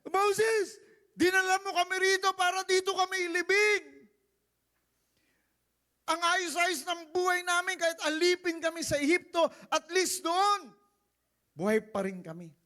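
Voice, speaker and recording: A preacher mimicking wailing, panicked Israelites. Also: male voice, sits high, fairly even intonation, fairly quick, hardly any pauses, pitched above the performer's own voice. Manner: whining, pleading complaint. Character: wailing crowd of frightened Israelites.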